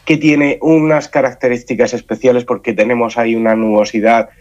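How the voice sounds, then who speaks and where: A man's voice: medium pitch, little pitch movement, fairly quick, darkish tone. Congested, nasal Spanish man, muffled sound. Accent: Spanish from Spain. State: has a head cold. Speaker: science outreach association spokesman, radio guest. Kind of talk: conversational radio interview. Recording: muffled, dull band-limited sound.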